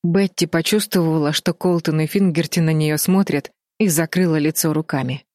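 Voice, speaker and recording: A woman reading a children's story aloud as narrator, with even storytelling. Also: low voice, moderate pace, no echo. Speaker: audiobook narrator. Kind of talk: scripted narration.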